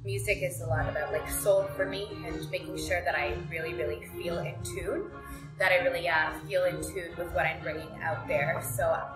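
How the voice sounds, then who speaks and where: A woman's voice: on the low side, fairly even intonation, normal speed. A woman who sings and dances in a band, talking earnestly in a casual interview and often searching for words. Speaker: singer and dancer. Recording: echoey room with music behind.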